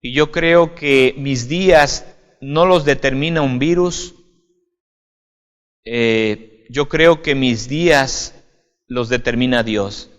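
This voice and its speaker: A man's voice: medium pitch, a bit bright, clean tone, highs cut off. A man, a pastor giving an informal video sermon, speaking conversationally and often checking in with the listener. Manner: conversational, often adds "right?", addresses listener as "usted". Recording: long hall reverb.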